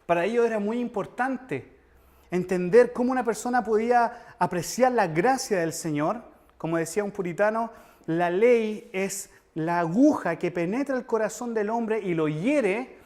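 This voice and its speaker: High-voiced earnest male preacher. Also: darkish tone. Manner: earnest, emphatic, addresses listeners directly. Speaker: preacher teaching church history. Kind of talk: sermon-style lecture.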